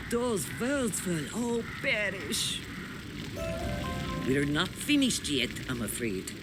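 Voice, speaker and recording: A man playing an earnest, worried mentor in a video game, speaking in a dramatic, deliberate way. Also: fairly high pitch, exaggerated voice. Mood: amazed, grave, then instructive. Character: earnest, worried mentor guiding a young wizard. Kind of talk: video game character acting. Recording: clear background game noise.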